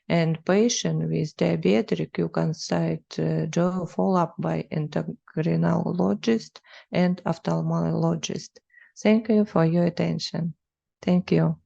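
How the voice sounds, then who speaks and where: A woman presents at an online conference, speaking very slowly with heavy pauses and fillers. Her voice is deeply gravelly and dark. The sound is dull, like a video call. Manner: slow, halting non-native English with frequent fillers. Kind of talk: webinar presentation.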